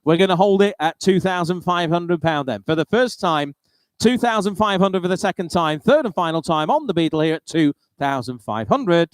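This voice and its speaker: Clear-voiced British male auctioneer, higher pitched. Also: expressive, normal speed, no echo. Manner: informal, chatty, wry asides between bids. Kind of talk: live auctioneering, rolling bid-calling chant with repeated prices.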